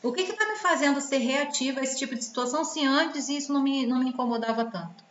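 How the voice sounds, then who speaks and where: A woman's voice: sits high, fast talker. A woman giving relationship advice in a commented reading, full of rhetorical questions and acted-out quotes. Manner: expressive, rhetorical questions, acts out quoted voices. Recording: roomy, slightly dull sound with faint background noise.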